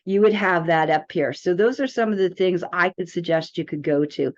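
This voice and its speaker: Speaking at a normal pace in a fairly low voice, this woman demonstrates a wellness app in a relaxed product tutorial, chatting casually and wandering a bit off track. The recording sounds dull and lo-fi.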